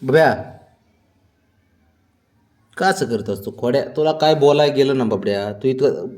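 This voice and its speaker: A man's voice: mid-range voice, unhurried, a little mellow. A man talking to his pet cat in coaxing, sing-song baby talk, repeating soothing words.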